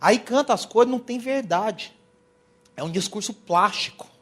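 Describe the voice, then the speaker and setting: Young man from Brazil, church worship lecture, bright high voice, acts out anecdotes. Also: moderate pace. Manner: animated, storytelling, acts out quotes. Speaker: worship teacher. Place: church hall.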